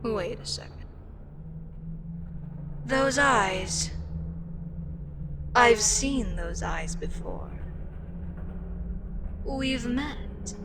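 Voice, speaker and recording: A woman plays an ancient eldritch goddess in an ASMR roleplay monologue: weary, frustrated, wistfully entertained by mortals. Her expressive voice sits on the high side and she sounds intrigued and knowing, unhurried and pausing, slipping into breathy whispers, though the recording is very noisy.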